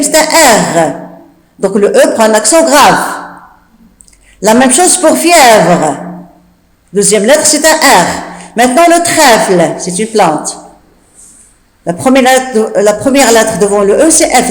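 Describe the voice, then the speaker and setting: A woman with a slightly high voice teaches spelling at a very unhurried pace. She repeats each rule twice and spells words out letter by letter, with a patient, drawn-out delivery. Her voice carries a clear roomy echo. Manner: fillers like "euh" and "d'accord". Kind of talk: slow classroom dictation lesson.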